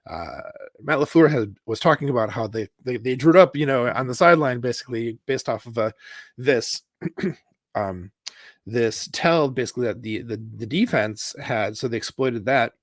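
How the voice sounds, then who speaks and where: A man co-hosts a casual football podcast, rambling enthusiastically with plenty of fillers. His medium-pitched voice is animated at a moderate pace, recorded cleanly in a studio with no echo.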